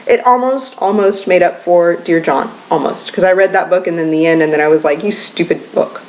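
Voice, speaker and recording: A woman's voice: fairly low pitch, fairly quick, darkish tone, slight background noise, poor audio. A young woman beauty vlogger chatting casually at home, gushing and rambling with many ums. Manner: gushing and enthusiastic. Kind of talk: casual beauty monthly favorites vlog. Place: at home with children nearby.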